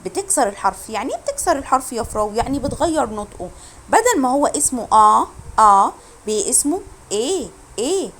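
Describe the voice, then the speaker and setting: A woman with an Egyptian Arabic accent teaching a beginner German lesson online. She drills pronunciation, repeats words slowly and quizzes her students. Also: high voice, very animated.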